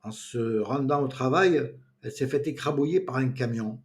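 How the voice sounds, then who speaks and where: A man voicing a prim elderly woman who speaks slowly and precisely. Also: extremely low pitch. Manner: slow, syllable by syllable.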